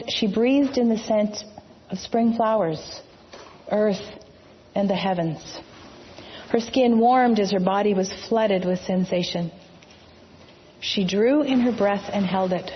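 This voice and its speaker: A woman narrating a storybook reading in a measured, reverent manner. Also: medium pitch, highs cut off, a little hiss or hum.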